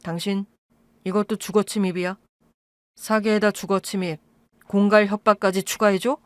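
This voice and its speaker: A woman voicing a calm, protective adult son who speaks low and steady, in an audio drama. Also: normal speed, clean tone, no room sound, natural voice. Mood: firm. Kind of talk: Korean audio-drama acting.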